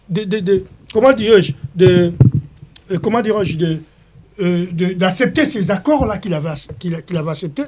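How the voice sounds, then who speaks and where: A Congolese man with a Congolese French accent speaks in a high voice as a guest in a heated political interview. He talks passionately and repeats words, restarting his sentences as he pushes his point. His French is mixed with Lingala phrases. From Democratic Republic of the Congo. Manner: impassioned, repetitive, stumbling restarts.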